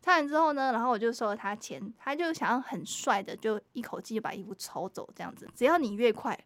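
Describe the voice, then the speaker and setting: A woman's voice: fairly high pitch, quick pace, no echo. A woman, co-hosting a podcast and telling a work story while acting out the customers. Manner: animated storyteller, acts out customers. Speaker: podcast co-host. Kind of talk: casual chat.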